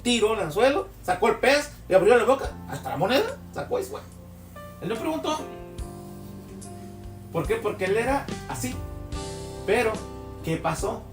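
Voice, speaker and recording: A man preaching a sermon, telling vivid stories and asking rhetorical questions. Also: high-pitched. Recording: echoey hall, distant mic, soft music.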